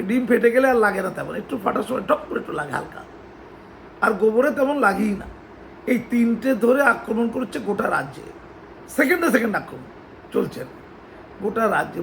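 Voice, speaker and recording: A man's voice: very high-pitched, vocal fry, a bit bright, slight background noise, rough recording. A man giving a mocking, sarcastic political commentary monologue.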